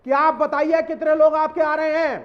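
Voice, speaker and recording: Very high-voiced combative male panelist. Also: completely flat delivery, normal speed, muffled recording. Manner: shouting over others, combative. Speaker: debate panelist. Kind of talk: heated TV debate.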